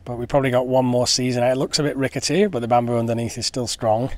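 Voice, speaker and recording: A man's voice: mid-range voice, fairly even intonation, quick pace, a little mellow, dry recording. A man chatting casually and upbeat to camera for his family vlog, outdoors in a rural village and garden. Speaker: family vlogger.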